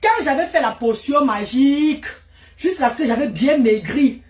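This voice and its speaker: A woman from Cameroon, telling a story to her viewers in an animated way and repeating words for emphasis. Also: high voice, moderate pace. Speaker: vlogger. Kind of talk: casual storytelling monologue. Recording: roomy echo.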